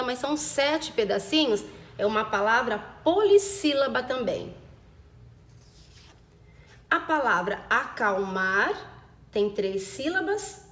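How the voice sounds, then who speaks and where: A woman teaching young children, spelling out words slowly and checking in with them often. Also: on the high side, roomy sound. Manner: slow, over-enunciated dictation of words; affectionate diminutives and frequent check-ins. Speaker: primary school teacher. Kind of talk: recorded remote lesson for children.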